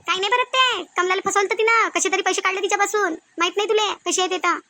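A squeaky-high, quick-talking cartoon village woman picks fights and boasts how dangerous she is, played by a woman. She speaks with a Varhadi Marathi accent and a scolding, threatening bite. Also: steady tone, pushed and bright, dry recording, studio quality, exaggerated voice. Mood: angry, scolding. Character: loud quarrelsome village woman Subhadra.

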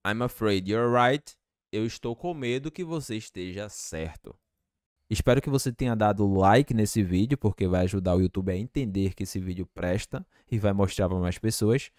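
A man teaching English to Portuguese speakers, slowly repeating each phrase with patience. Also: lowish voice, a little mellow, dry recording, studio quality.

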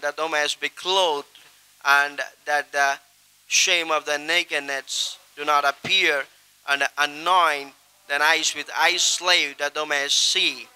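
A man's voice: a little high, pushed and bright, clean tone, low-quality recording. A middle-aged man, an evangelist, seated on a stage reciting a long Bible passage from memory into a handheld microphone in a solemn, declamatory way with emphatic rises.

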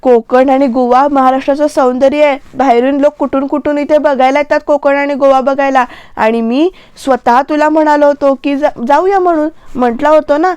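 A woman voicing a defensive, exasperated young husband, in slow, plain quoted lines. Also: sits high, steady tone, a little mellow, dry recording, dull audio, lightly acted.

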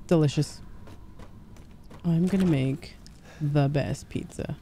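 A woman's voice: sits low, warm tone, a little hiss or hum. A woman streaming a video game, chatting casually and joking with her viewers. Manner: chatty, joking, often laughing. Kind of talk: casual gameplay commentary.

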